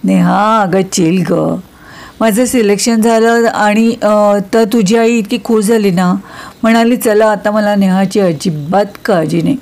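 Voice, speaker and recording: A woman's voice: mid-range voice, measured pace, a little mellow, lightly acted. Caring young woman mahi, coaxing, reasoning, as a woman narrator puts her on, storybook. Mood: soothing.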